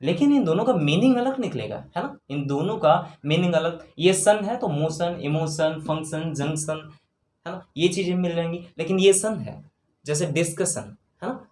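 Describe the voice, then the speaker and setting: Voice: mid-range voice, expressive, moderate pace, a little mellow. A grammar teacher giving an exam-prep lecture, spelling out words letter by letter and often checking in with the class. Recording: roomy room with faint background noise.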